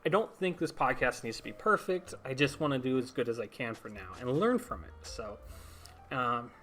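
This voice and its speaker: A man's voice: mid-range voice, lively intonation, normal speed, a bit bright, soft background music. A young man hosting his own podcast, talking casually and rambling, correcting himself and chuckling at his own tangents. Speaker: podcast host. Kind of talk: casual solo podcast talk.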